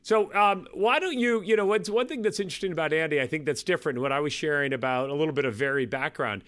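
A man in his fifties, a guest on a podcast, telling his story in a halting, self-deprecating way with many restarts. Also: on the high side, a bit bright, clean tone, dry recording, clean studio sound. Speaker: guest, private equity partner. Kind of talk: casual podcast interview.

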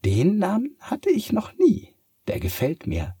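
Guy doing a sly purring moon cat, way up high, husky, slow and drawn out. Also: huge pitch swings, dark tone, no echo, clean studio sound, heavily acted. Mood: gentle. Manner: purring, drawn-out teasing delivery. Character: sly teasing cat from the moon, calm and kind.

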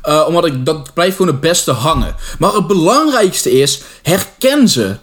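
A young man with a Dutch accent talks off the cuff in a loose, slangy way, tossing English phrases into his talk. His voice sits a little high for a man. He hosts his own podcast as an online personal trainer. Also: sing-song, normal speed. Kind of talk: unscripted solo podcast talk.

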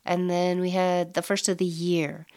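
A middle-aged woman hosting a casual solo podcast, effusive and upbeat with soft breathy asides, sounding nasal from allergies. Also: lowish voice, level tone, unhurried. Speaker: podcast host.

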